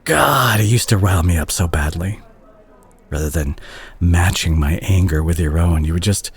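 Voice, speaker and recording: In an intimate audio roleplay, a male actor plays a remorseful, caring doctor who is also the listener's ex-boyfriend, confessing haltingly in a bitter, regretful mood. His low voice is a little mellow and slightly rough, and the delivery is heavily acted.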